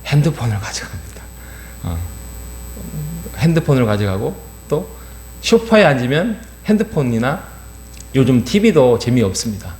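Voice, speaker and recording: A man's voice: medium pitch, very animated, normal speed, pauses often, darkish tone. Earnest male pastor in a roomy church. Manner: earnest, many fillers, rhetorical questions. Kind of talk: early-morning sermon. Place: church sanctuary. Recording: roomy church sound with faint hum.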